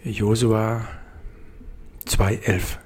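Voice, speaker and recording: A preacher reading a short radio devotion and telling a story, in a gentle, measured way. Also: male voice, lowish voice, level tone, breathy edge. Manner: gentle, measured, addresses listeners.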